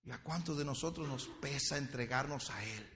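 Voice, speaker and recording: A man's voice: medium pitch, fairly bright tone, slight background noise. A male pastor preaching a sermon with impassioned delivery. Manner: impassioned preaching, dwells on words slowly.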